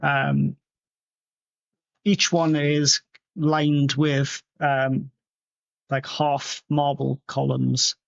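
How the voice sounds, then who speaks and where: A man narrating a tabletop game as game master, filling pauses with ums. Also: medium pitch, level tone, creaky, dry recording, highs cut off. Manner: unhurried, with many ums and pauses.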